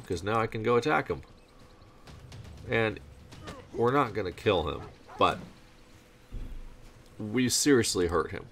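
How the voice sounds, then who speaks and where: A man casually commenting on his strategy game as he plays, rambling and thinking out loud with sarcastic asides, on a desk mic without a pop filter. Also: low-pitched. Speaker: gameplay commentator. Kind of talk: casual let's-play commentary.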